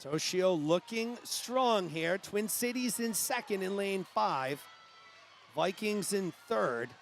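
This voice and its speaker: New england guy calling a swim meet, high voice, bit of noise behind. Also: animated. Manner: brisk play-by-play, rising to shouts at finishes. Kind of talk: live sports commentary.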